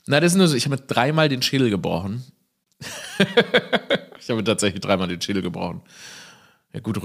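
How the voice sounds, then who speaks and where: A man's voice: on the low side, creaky. A man, a comedian rambling through a casual, jokey podcast monologue full of self-irony. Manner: rambling, self-ironic, jokey, laughs at his own stories.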